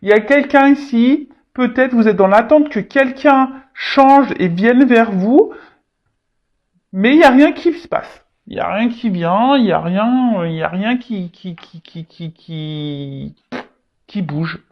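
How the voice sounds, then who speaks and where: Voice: medium pitch, animated, slow. A tarot reader speaks directly to the audience in a loose, unscripted reading, stalling often and circling back through repeated words and fillers. The recording sounds a little dull and lo-fi, with the top end muffled.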